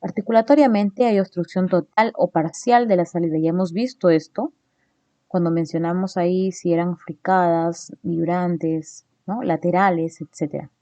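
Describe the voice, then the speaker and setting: A woman teaches a phonetics lesson in a mellow, warm voice. She tags her points with quick checks to her listeners and sounds out examples slowly. The recording is dry and close, with no room sound. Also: on the low side, steady tone, no echo. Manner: explains slides, checks in with "¿no?"; demonstrates sounds slowly and deliberately.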